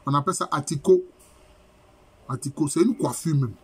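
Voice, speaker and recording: A middle-aged professor gives a university lecture. His voice is husky and sits fairly high for a man. He explains each term slowly and repeats key phrases.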